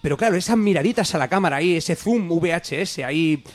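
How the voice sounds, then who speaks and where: Comic radio host, man, pitched a touch high, rambling ironic mock-outrage. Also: animated, fast, no room sound. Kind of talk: comedic mock-serious radio banter.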